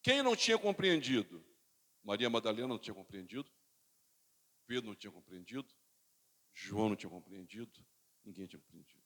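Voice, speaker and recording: A man's voice: fairly low pitch, fast talker, pauses often. Preaching man. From Brazil. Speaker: pastor. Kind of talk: sermon. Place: church sanctuary. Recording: reverberant church hall.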